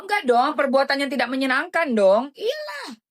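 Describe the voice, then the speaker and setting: A woman's voice: a little high, a little slow, fairly bright tone. A woman doing live-stream commentary in a dramatic, indignant way, often calling her listeners darling.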